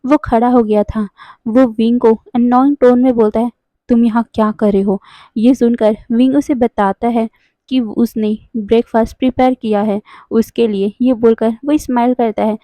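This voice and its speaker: A woman's voice: on the high side, fairly even intonation, normal speed, dark tone, no echo. A young woman retelling a story in a casual, conversational way, often correcting herself mid-sentence. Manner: conversational, with frequent self-corrections.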